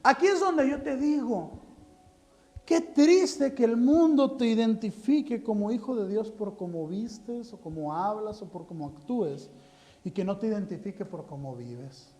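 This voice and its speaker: Animated high-voiced Mexican preacher. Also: male voice, a little slow. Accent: Mexican Spanish. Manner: animated, full of rhetorical questions and joking asides. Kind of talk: sermon.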